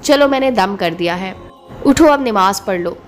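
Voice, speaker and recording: A woman's voice: mid-range voice, animated, normal speed, soft background music, natural voice. A woman voicing a loving, cheeky young wife in a read-aloud story. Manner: warm, teasing.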